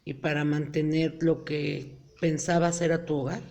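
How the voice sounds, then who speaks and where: A woman interviewer asking calm, probing questions. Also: low-pitched, a little slow.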